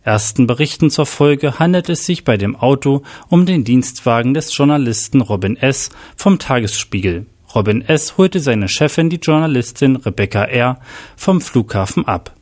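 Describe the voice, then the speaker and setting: Guy doing a radio newsreader bit, formal, even delivery, middle pitch. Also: moderate pace, lightly acted. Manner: formal news reading. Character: male radio news announcer.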